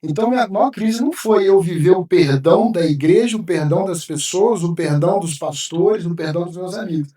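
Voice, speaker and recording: A man's voice: sits high, fairly quick, hardly any pauses, dark tone. Pastor telling his story, roomy sound. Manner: emotional, vivid storytelling, acting out his own past words. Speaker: pastor, podcast guest. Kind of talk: personal testimony in a podcast interview. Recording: roomy sound, mic at a distance.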